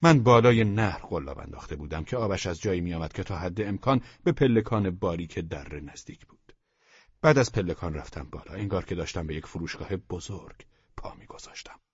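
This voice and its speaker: Deep husky male audiobook narrator. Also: no echo. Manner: calm, measured storytelling, often dropping to a soft near-whisper. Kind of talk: scripted literary narration. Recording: dull lo-fi dry studio recording.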